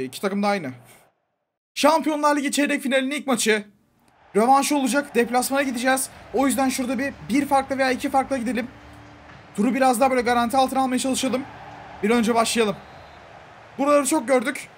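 A young man with a strikingly high voice talks through a football video game match. He reacts excitably, begging the coach not to sub him off and yelling at the referee. There is a faint hiss of noise behind him. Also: fast. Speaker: gaming YouTuber. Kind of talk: live gameplay commentary.

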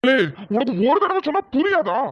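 A man voicing an angry older father in a cartoon, gruff and scolding as he threatens his son-in-law. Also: extremely high pitch, very animated, fairly quick, heavily acted. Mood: furious. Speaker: father of the wife. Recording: dull, dry lo-fi audio.

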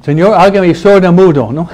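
Slow, unhurried priest teaching with gentle humor. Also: male voice, sits high, slight background noise, poor audio. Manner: conversational, tags nearly every phrase with a questioning "¿no?"; humorous, chuckles at his own jokes. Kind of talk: teaching the commandments to a congregation.

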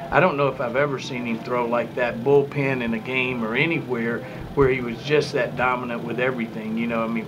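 A middle-aged man, a head baseball coach, answering questions at a postgame press conference in a measured way with many fillers. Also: mid-range voice, noisy background. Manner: measured, thinking aloud with fillers. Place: press room before a sponsor backdrop.

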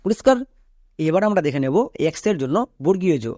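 A man teaching English pronunciation, explaining rules step by step and checking with quick questions. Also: high-pitched, animated, warm tone, no room sound, clean studio sound. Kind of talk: explanatory lesson, addressing viewers directly.

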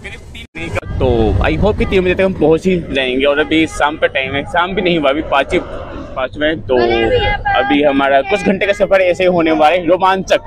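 Here a man in his twenties, with a slightly high voice and moderate pace, narrates a relaxed travel vlog aboard a crowded train. Talking to viewers like friends and chatting with fellow passengers in carriages and on platforms, he records on a phone at arm's length amid loud train and outdoor noise.

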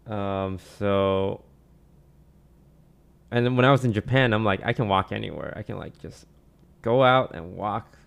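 A young man from Malaysia, chatting casually on a stream in a relaxed way, trailing off with many fillers. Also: on the low side, measured pace, vocal fry, pauses often, clean tone. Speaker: streamer answering questions. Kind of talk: casual chat. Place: small home streaming room. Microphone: studio mic on boom arm, headphones.

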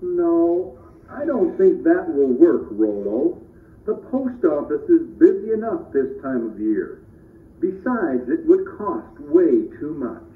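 A man playing a kindly, reassuring old Santa Claus in a children's puppet show, measured and fatherly. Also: on the high side, very animated. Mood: doubtful. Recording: noisy, roomy, distant, muffled phone-like audio.

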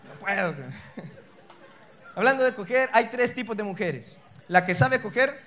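A young Salvadoran man works a live crowd in a stand-up set, his voice sitting high for a man. He talks in quick slangy bursts and throws loud asides at the audience. A faint hum of noise sits under him on stage. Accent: Salvadoran Spanish. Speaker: stand-up comedian.

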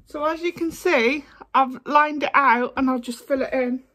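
High-voiced chatty woman, going hoarse. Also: moderate pace, bright, forceful tone. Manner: chatty and frank, with many fillers. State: losing her voice. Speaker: beauty vlogger. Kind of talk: casual makeup tutorial chat.

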